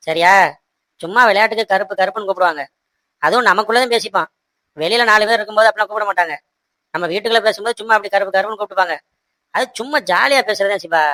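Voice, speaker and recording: A man's voice: high voice, pushed and bright, no room sound. A man voicing a harried young husband in a cartoon who soothes his wife and complains to the audience. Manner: soothing, placating, talks to the audience. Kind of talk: cartoon voice acting.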